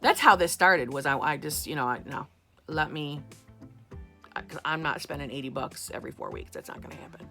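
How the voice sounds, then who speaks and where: Blunt, gravelly-voiced woman vlogging. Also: low-pitched, animated, moderate pace, pushed and bright, soft background music. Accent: New York. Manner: blunt, sarcastic, swears casually. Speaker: beauty vlogger. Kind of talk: casual chat to camera. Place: home, indoors.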